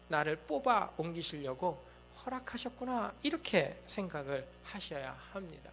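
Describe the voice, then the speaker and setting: High, bright-voiced preaching pastor. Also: male voice, a little hiss or hum. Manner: emphatic, asks the congregation rhetorical questions. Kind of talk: sermon. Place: church sanctuary.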